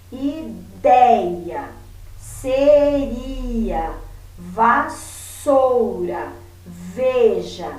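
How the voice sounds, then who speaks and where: A woman teacher, giving a remote lesson to her pupils and patiently saying example words slowly so they can hear them. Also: on the high side. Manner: patient, repeats words slowly to model stress. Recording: very echoey room, voice from far off.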